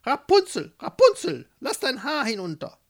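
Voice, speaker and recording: A storyteller voicing a scheming old witch, calling out high and strained, in a read-aloud fairy tale. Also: big pitch swings, normal speed, a bit bright.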